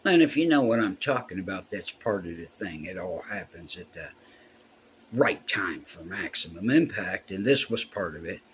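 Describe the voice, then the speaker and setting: A man's voice: sits low, lively intonation, normal speed, fairly bright tone, a little hiss or hum. A man, a musician telling a heartfelt, profane story in a casual way.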